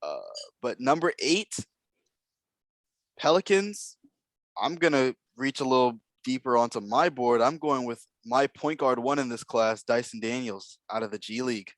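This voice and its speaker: A man's voice: mid-range voice, moderate pace, no echo. A man co-hosting a podcast, talking through basketball prospects in a casual, analytical way with lots of fillers and hedges. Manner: analytical, hedging with many fillers. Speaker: podcast co-host. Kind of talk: casual basketball draft chat.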